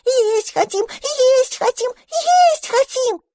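Baby mermaids, squeaky, shrill, piping, begging, dry close sound. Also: female voice, animated, slow pace, dry recording, heavily acted. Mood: squealing, pleading. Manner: shrill high piping chorus, pleading. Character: squeaky newborn baby mermaids, clingy and hungry.

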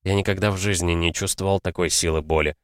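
A man with a fairly low voice reads a first-person story in a measured, subdued manner. The recording is close and dry. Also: fairly even intonation, clear, resonant tone, no echo. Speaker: audiobook narrator.

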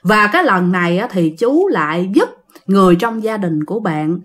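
A woman's voice: mid-range voice, lively intonation, moderate pace. Chatty woman storyteller. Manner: chatty, addresses listeners directly. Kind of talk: casual spoken ghost story told to listeners.

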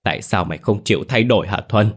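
A man's voice: on the low side, fast talker, breathy edge. A man voicing an angry scolding old grandmother. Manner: harsh, scolding. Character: grandmother, old woman, scolding her son.

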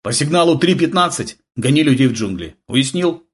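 A man's voice: fairly high pitch, lively intonation, normal speed, close to an everyday voice. A man voicing a tough male major who barks short, curt orders in battle, in an audiobook. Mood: barking orders.

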